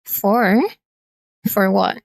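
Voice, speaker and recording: A woman streamer chats casually with her audience and teases them in a playful way. Her voice carries a gravelly fry. The sound is dry, with no room echo. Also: medium pitch, fairly even intonation, very slow. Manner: playful, teasing.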